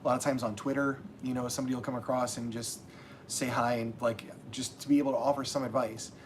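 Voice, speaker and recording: A man's voice: medium pitch, flat delivery, fast, a little hiss or hum. A man hosting a casual livestream as a self-published author, talking in a rambling way with many restarts.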